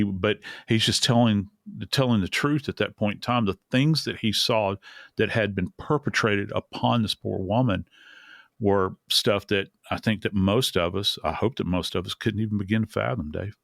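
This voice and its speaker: Gravelly man, low voice, earnest true crime talk, dry studio sound. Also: fairly even intonation, a bit bright, no room sound. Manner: earnest, drawn-out, many restarts. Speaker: forensic expert co-host. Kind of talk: true crime podcast discussion.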